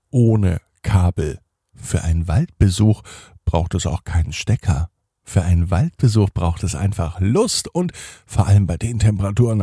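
A man gently narrating a bedtime story and talking straight to children. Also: lowish voice, breathy edge, no room sound, studio quality. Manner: gentle, addresses children directly.

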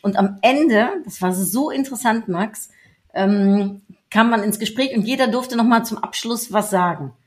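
A woman's voice: mid-range voice, normal speed. A woman hosting a casual interview, chatty and asking open questions. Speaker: podcast host.

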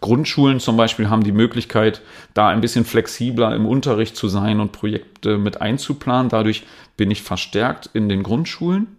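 Middle-aged male interviewee, lowish pitch, chatty storyteller, reflective tone. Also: moderate pace, few pauses. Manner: chatty, reflective, with small laughs and tag questions. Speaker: dance trainer, podcast guest.

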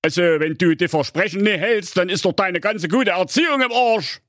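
A man's voice: sits high, moderate pace, fairly bright tone, no room sound, clean studio sound, pitched above the performer's own voice. A man voicing a pompous, officious middle-aged father who reads out rules pedantically.

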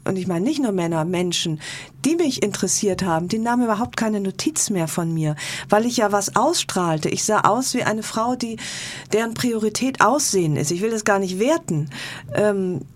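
Middle-aged woman, talk show guest, lively self-mocking storyteller, mid-pitched voice. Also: normal speed.

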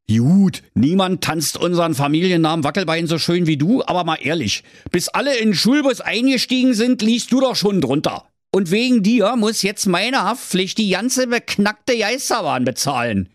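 A man voicing an exasperated father who scolds his son in a high, nagging voice. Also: no echo, studio quality, close to an everyday voice.

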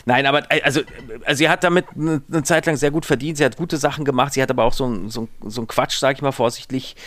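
A man's voice: medium pitch, fairly even intonation, quick pace, fairly bright tone, no echo. Man from berlin, podcast guest, rambling and hesitant, talking from bed, dry close sound. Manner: rambling, digressive, with many hesitations. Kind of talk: casual podcast chat. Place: in his bed at home.

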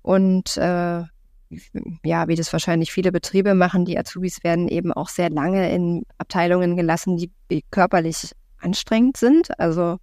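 A woman in her thirties from Berlin, talking casually as a podcast guest, thoughtful and full of filler sounds and pauses. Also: on the low side, steady tone, darkish tone, dry recording, clean studio sound. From Berlin, Germany. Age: 30s. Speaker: podcast guest, real estate investor. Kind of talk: casual interview talk.

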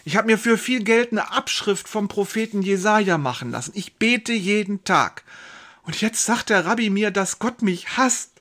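A man's voice: sits high, moderate pace, fairly bright tone. Man doing a young carpenter narrator, pious, anxious, brooding, emotional outbursts, first-person story. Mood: worried.

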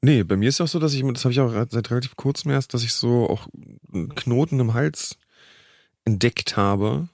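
A man's voice: mid-range voice, normal speed, darkish tone, dry recording, clean studio sound. A man co-hosting a podcast, talking candidly in a rambling casual chat. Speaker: podcast co-host.

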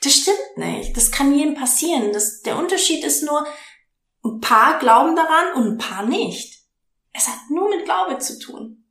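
A woman telling stories in a casual interview, animated and excitable. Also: high-pitched, a little slow. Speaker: interview guest, podcaster. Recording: echoey room.

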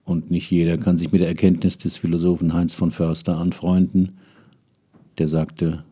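Older man, storyteller, reflective reading, very dark tone, husky voice. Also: low voice, flat delivery, moderate pace. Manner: musing, addresses listeners directly.

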